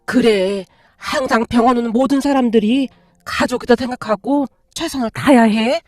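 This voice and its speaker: A woman voicing a gentle, sorrowful stepmother who speaks softly and soothingly. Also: on the high side, normal speed, dry recording, lightly acted. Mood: reassuring. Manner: soft, soothing.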